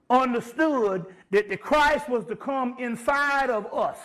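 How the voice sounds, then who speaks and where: Speaking informally about spiritual matters, a man with a high-pitched, fairly bright voice lectures in an emphatic, conversational way. He uses plain, salty language and keeps checking that his listeners are following along.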